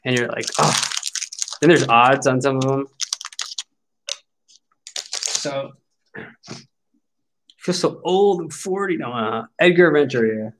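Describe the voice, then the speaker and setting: A man's voice: mid-range voice, expressive, normal speed, background noise. A man in his forties talks through opening packs of cards in an easy, chatty way. His voice sits mid-range, and he keeps up a wry, mock-grumbling commentary on each pull. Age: 40s. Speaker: card break host. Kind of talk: casual card-opening commentary.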